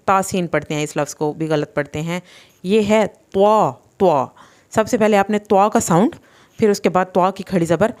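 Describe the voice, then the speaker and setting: A woman teaching Quran recitation in a patient, explanatory way, drawing out letter sounds slowly. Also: mid-range voice, a little mellow. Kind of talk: tajweed lesson.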